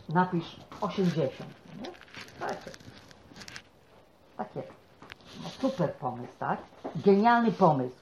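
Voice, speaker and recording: A man delivers a relaxed, talkative sermon and keeps checking in with his listeners through short tag questions. His voice rings through a reverberant church. The sound is a little muffled, with a faint hiss underneath. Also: high voice. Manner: chatty, peppers speech with tag questions. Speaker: preacher. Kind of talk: conversational sermon. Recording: echoey, dull room sound.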